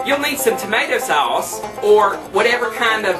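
A man with a high-pitched, animated voice speaks at an ordinary pace while playing a campy, budget-minded trailer park queen. As a cooking show host, he gives a folksy, cheerful, tongue-in-cheek cooking demo in a small home kitchen. The recording has music behind it and comes from a distant camera mic.

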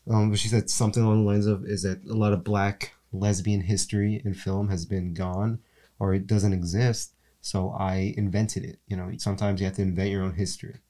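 A young man with a low voice and a stuffy, congested sound talks through a film review in a loose, casual way. He rambles and circles back to correct himself as he goes. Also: a little fast. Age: young adult. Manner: rambling, self-correcting, relaxed. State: congested from allergies. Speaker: podcast co-host.

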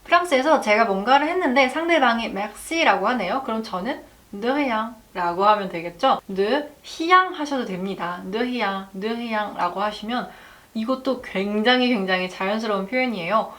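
Woman, language teacher, slow deliberate pace, slightly high voice, careful pronunciation drills. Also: lively intonation, a bit bright. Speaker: French teacher. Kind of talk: language lesson.

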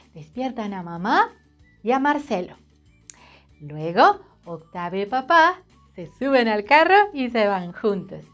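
A woman reading a storybook to children in an animated, sing-song way, speaking straight to the child. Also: a little high, dull audio.

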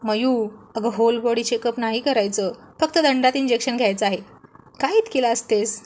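A woman's voice: a little high, normal speed, a little mellow, close to an everyday voice. A woman voicing a teasing bossy husband. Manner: mocking, playful taunts.

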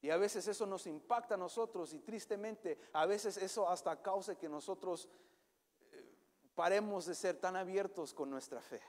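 A male pastor giving an animated sermon, sometimes slipping English words into his preaching. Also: sits high, moderate pace. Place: church hall. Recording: long church hall reverb.

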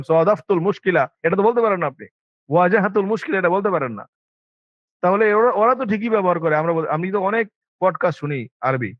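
A man with a Bangladeshi Bengali accent lectures students in an emphatic, insistent way and keeps asking them rhetorical questions. His voice sits fairly high for a man. The sound is dry and dull, like a lo-fi recording. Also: dry recording. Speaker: Arabic language teacher.

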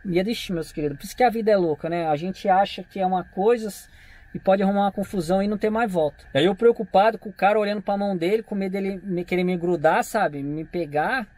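A man with a Brazilian Portuguese accent and a high-pitched voice talks fast, recounting a run-in to his camera in a casual, animated vlog. He acts out both sides of the dialogue while parked outside a convenience store, and the recording is dry.

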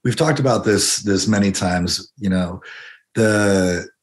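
A man's voice: lowish voice, slow pace. A young man co-hosting a podcast, opening the show and talking enthusiastically, often repeating words as he goes, on a headset. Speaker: podcast co-host. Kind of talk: podcast intro and interview.

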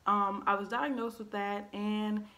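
Speaking in a bright, forceful, mid-range voice that barely moves in pitch, a vlogger around twenty shares a personal story from her living room at a slightly slow pace. She's frank and sincere, filling pauses with lots of ums and likes, recorded by a camera in front of her at desk height.

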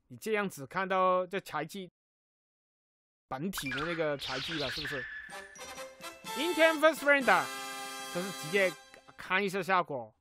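A man with a Cantonese accent in his Mandarin, narrating a casual software tutorial and dropping in English terms. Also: a little high, moderate pace. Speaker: tutorial host. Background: music behind the voice.

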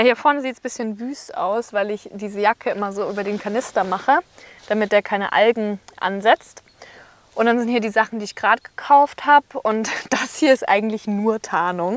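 A young woman in her twenties chatting upbeat to a handheld camera, outdoors and inside a small car, thinking aloud as she talks. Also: mid-range voice. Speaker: travel vlogger. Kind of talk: casual vlog talk to camera.

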